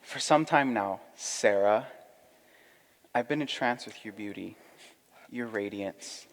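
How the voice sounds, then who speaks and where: An actor playing a vain, pompous young gentleman who is sure of his own worth, in a comic audio drama. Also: on the low side, slow pace, long reverb tail, some chatter behind. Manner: pompous, self-satisfied, theatrical.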